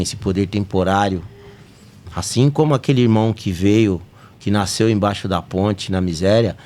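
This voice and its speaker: A Brazilian man with a lowish, mellow voice and a Brazilian Portuguese accent hosts a spiritist study podcast. He talks earnestly, building to emphatic peaks.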